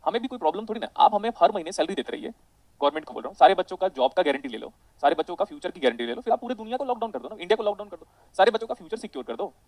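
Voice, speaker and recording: A man teaching an online physics lecture, rapid and animated, calling his students beta. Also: high voice, no echo, rough recording.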